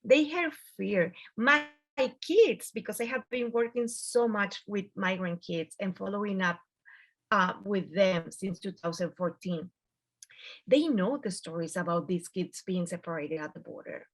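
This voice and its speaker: A woman's voice: medium pitch, measured pace, rough recording. A woman with a Mexican accent, a native Spanish speaker, talking informally on a panel as a journalist and slipping Spanish words into English in a Spanglish manner. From US-Mexico border region. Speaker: journalist and producer.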